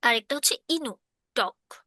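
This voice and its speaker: A woman's voice: fairly high pitch, expressive, a little slow, sharp tone, no echo, studio quality. A woman teaching a casual online class, explaining patiently and often checking that students follow. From Bangladesh. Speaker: Japanese language teacher.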